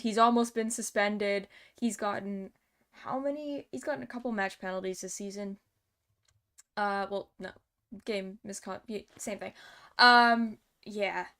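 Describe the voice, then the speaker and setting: A woman's voice: mid-range voice, a bit bright, smooth. A young woman hosting a casual post-game hockey analysis, chatty with sarcastic asides and lots of fillers. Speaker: host.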